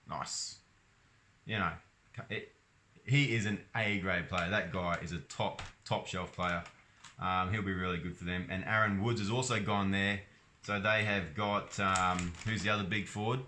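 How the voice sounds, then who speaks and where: A man's voice: fairly low pitch, bright, forceful tone. A young Australian man talking casually about rugby league in his own vlog, rambling and hesitant with lots of ums and restarts. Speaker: sports vlogger.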